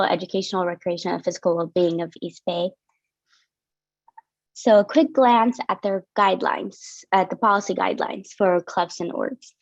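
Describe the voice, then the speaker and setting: A young woman from Syria, employed as a student finance officer, gives a casual, filler-heavy rundown of funding policies during a video call. The medium-pitched voice comes through a dry recording with dull, lo-fi call quality.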